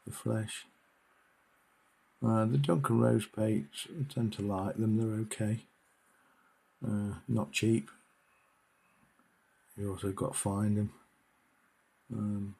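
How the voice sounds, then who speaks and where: A man's voice: on the low side, creaky, mellow, slightly rough. A man giving a casual miniature painting tutorial, talking hesitantly with many fillers.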